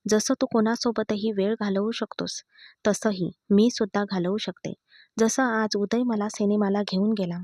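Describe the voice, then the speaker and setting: A woman's voice: medium pitch, fairly even intonation, moderate pace, darkish tone, dry recording, clean studio sound, close to an everyday voice. A woman reading the part of a hurt, defiant young wife who answers sharply and taunts her husband. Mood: bitter.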